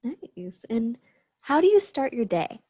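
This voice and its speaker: A woman's voice: on the high side, big pitch swings, slow pace, mellow, husky. A woman interviewer asking prepared questions and giving brief, casual, affirming reactions.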